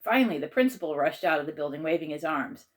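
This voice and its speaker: At a quick pace, a teacher and author reads a children's storybook aloud in a fairly low register. Her first-person child narration is animated and theatrical, the pitch moving about freely.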